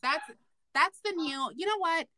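A woman hosting a casual podcast, talking in an animated, slangy, profane way, recorded remotely from a bathroom. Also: very high-pitched, measured pace, dry recording. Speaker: podcast host. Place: bathroom, at home.

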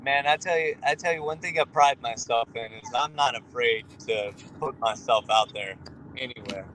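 A sociable man speaks with a faint Louisiana Southern accent at a middling pitch. He chats casually as a podcast guest in a laid-back manner, with light noise humming behind him. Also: normal speed, fairly bright tone, rough recording. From Louisiana, United States. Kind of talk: casual chat.

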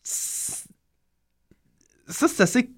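A man with a Quebec French accent giving a radio food column, hesitating and tripping over long words. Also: drawn-out words. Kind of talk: radio banter.

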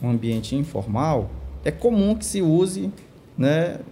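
A man's voice: a little high, very animated, slow, dark tone, slight background noise. A man explaining language use on a talk show panel, patient and full of tag questions. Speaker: language teacher guest.

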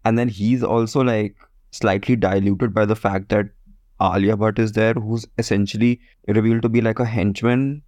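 Low-voiced young man, wry reviewer. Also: little pitch movement, darkish tone, no room sound. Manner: measured, wry, mixes in Hindi phrases. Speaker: film podcast co-host. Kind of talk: casual film review chat.

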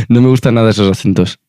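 A man's voice: medium pitch, mellow, dry recording, clean studio sound. A man chatting casually as a podcast co-host, giving blunt, frank opinions. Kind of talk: casual chat.

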